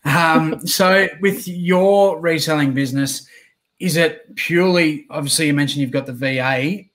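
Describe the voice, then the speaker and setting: A man's voice: on the high side, a little slow, fairly bright tone. A man hosting a casual live-streamed interview chat, encouraging and full of "uh" fillers. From Australia. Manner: chatty and encouraging, frequent "uh" fillers.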